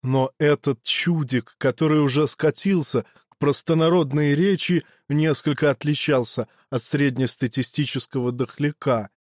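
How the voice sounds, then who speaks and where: A man reading a first-person audiobook story in a steady, measured way. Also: fairly high pitch, no room sound, clean studio sound. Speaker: audiobook narrator.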